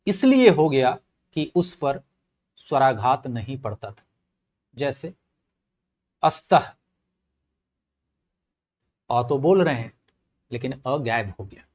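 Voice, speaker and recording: A middle-aged male lecturer speaks at an unhurried, deliberate pace, his voice sitting a little high. He punches out each example word and then lets his voice fall back as he explains. He keeps asking rhetorical questions as he teaches step by step. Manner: explanatory, repeats key words and asks rhetorical questions; stresses example words loudly, then drops his voice. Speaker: Sanskrit linguistics lecturer. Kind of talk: classroom lecture in Hindi with English terms.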